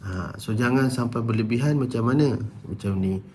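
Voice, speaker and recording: A man with a Malaysian Malay accent teaching a tajwid lesson, explaining slowly and breaking into drawn-out, louder chanted recitation of examples. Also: medium pitch. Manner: addresses listeners as "tuan-tuan", checks with "okey?".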